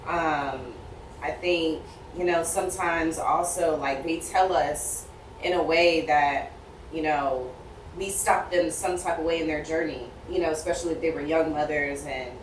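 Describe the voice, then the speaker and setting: Female podcast co-host, low and thoughtful, filler-heavy, distant echoey mic. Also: steady tone, unhurried, slight background noise. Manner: reflective, many fillers. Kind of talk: casual chat. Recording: roomy echo, distant mic.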